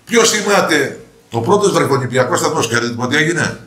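A man's voice: a little high, animated, sharp tone. An older man, a parliamentary candidate, answering interview questions with anecdotes and acted-out quoted dialogue. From Greece. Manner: storytelling, acting out quoted dialogue. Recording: roomy echo.

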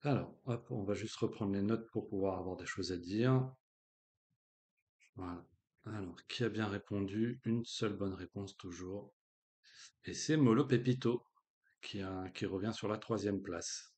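A man's voice: on the low side, a little slow, darkish tone. A man hosting a live online quiz in a casual, joking way, with slang and lots of fillers. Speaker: quiz host.

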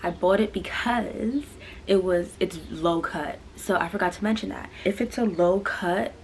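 A twenty-year-old woman, a fashion vlogger, rambles casually through a clothing try-on haul in a small bedroom, with plenty of fillers and asides. Her voice sits on the low side and she takes her time. The camera on a stand picks her up from mid-distance, with a slight hiss or hum.

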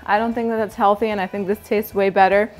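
A woman's voice: medium pitch, level tone, quick pace, faint music behind. A woman hosting a cooking video, chatting upbeat as she walks viewers through each step in a home kitchen. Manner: chatty, upbeat, instructional, addresses viewers directly. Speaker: cooking channel host. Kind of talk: casual cooking demonstration.

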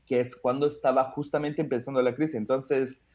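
Talking fairly quickly in a mid-range, darkish voice with little pitch movement, a thirties-aged Italian comedian tells his story in a rambling way. He speaks with an Italian accent over a video call from home, his casual interview chat full of fillers and restarts.

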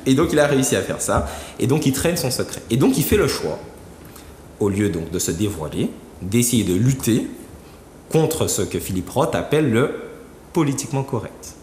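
A man's voice: mid-range voice, sing-song, normal speed, darkish tone. A man who is a talk show guest, explaining a book while thinking aloud, with frequent fillers and restarts. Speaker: studio guest. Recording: roomy studio with long reverb and faint noise.

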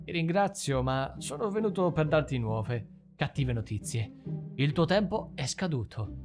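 A man voicing a solemn, gently apologetic male wind spirit bearing bad news in a read-aloud story. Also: a little high, lively intonation, measured pace, over music.

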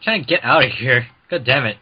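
A man's voice: mid-range voice, lively intonation, a little fast, slightly rough, muffled recording. A man chatting casually during a game with friends, joking and swearing loosely. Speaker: gamer. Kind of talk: casual gaming chat.

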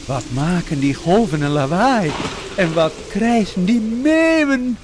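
A man voicing a kind, brave female horse who talks in a wondering, lively way in a storybook. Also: high voice, slow, background noise, voice pushed up. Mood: eager.

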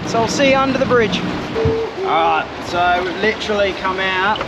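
An Australian man vlogging from a small boat on a windy river, talking in a laid-back, slangy way with sudden loud whoops. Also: high voice, animated, normal speed. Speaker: fishing vlogger. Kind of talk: casual outdoor vlog narration.

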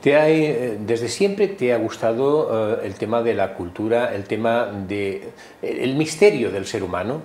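A man's voice: mid-range voice, lively intonation, measured pace, a little mellow, a little hiss or hum. A man hosting a TV talk show, speaking courteously with frequent "eh" fillers. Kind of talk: formal TV chat introduction.

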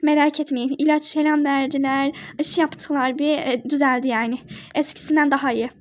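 Bir kadının oynadığı nazik hastane hemşiresi. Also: female voice, sits high, level tone, moderate pace, close to an everyday voice. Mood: gentle. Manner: soothing, polite, hesitant. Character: calm reassuring hospital nurse, woman.

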